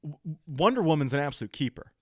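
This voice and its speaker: A man's voice: a little high, lively intonation, fast talker, breathy edge, no room sound, studio quality. A young man co-hosting a podcast in casual chat, laughing often and sarcastically picking apart films. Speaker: podcast co-host.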